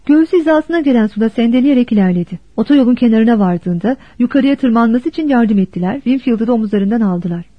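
A woman narrating a novel as an audiobook in a steady, expressive storytelling manner. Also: fairly high pitch, quick pace, few pauses, dry recording. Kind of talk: scripted narration. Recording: dull dry lo-fi recording.

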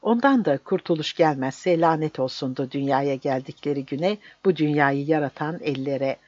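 A narrator giving a steady, measured audiobook reading. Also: medium pitch, no echo. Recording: dull dry recording.

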